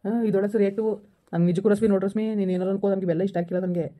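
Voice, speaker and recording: A man's voice: high voice, steady tone, rapid-fire, mellow. A man in a scripted family drama, angrily and insistently scolding his wife over a phone call. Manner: angry, insistent, repetitive scolding. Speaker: husband in a family skit.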